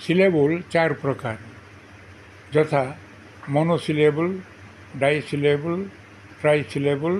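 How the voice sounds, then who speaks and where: Slow, measured male teacher. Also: a little high, steady tone, darkish tone, a little hiss or hum, rough recording. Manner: repeats each definition twice, spells out syllables one by one. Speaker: English grammar teacher. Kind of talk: slow dictation-style grammar lesson.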